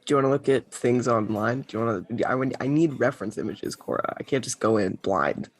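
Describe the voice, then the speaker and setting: A man with a gravelly, husky voice rambling his way through a tabletop role-play. He laughs often and stumbles playfully over awkward moments. His pitch sits in the middle range. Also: a little fast. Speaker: player.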